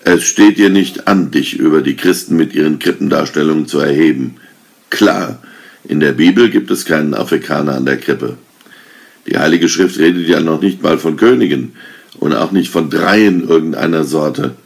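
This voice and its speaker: A man reading as a booming, menacing holy king. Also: moderate pace, vocal fry, husky, full character voice. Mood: lecturing. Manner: stern, lecturing.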